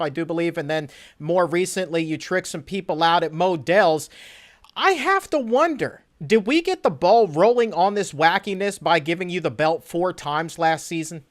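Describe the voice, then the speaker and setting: An American man hosting a sports interview, with a polished presenter delivery and playful, mock-formal phrasing. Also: high voice. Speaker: sports show host, interviewer.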